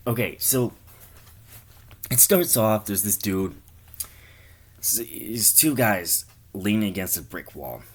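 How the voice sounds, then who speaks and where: Guy rambling a crude made-up comedy story, low husky voice, self-deprecating. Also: animated, slow, long pauses. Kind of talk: rambling improvised comedy monologue.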